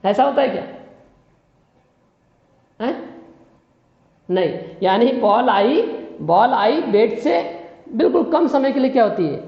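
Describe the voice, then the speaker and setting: A man's voice: very high-pitched, expressive, takes it slowly, pauses often. Man quizzing listeners in an echoey room. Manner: questioning, quizzes listeners constantly; repeats key phrases. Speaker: physics teacher. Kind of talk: classroom lecture. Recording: dull, echoey room with long reverb.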